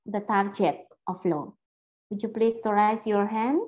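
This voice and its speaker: A woman's voice: mid-range voice, steady tone, measured pace, darkish tone, rough recording. A woman law lecturer giving an interactive lecture, calling on students by name and repeating her questions.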